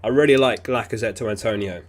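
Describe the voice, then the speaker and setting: Talking fast in a loose, chatty style, a somewhat low-voiced man hosts a fantasy football livestream and responds to viewer messages, thinking aloud with easy fillers. He is sniffly and keeps clearing his throat as he gets over an illness.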